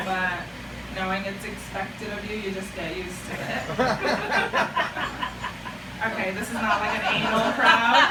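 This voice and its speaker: In a roomy, distant recording from a live club, a young Japanese woman whose first language is Japanese performs chatty, self-deprecating stand-up and banters with the audience. Her voice is fairly high, and the recording is very noisy.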